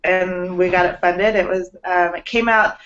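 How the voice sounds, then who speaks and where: A woman in her forties from Los Angeles, USA, a guest artist, chats casually in an interview over a video call from her home studio, with many ums and laughs. Her voice is on the low side, steady and fairly bright, at a moderate pace. The video call audio is muffled, with a little hiss or hum.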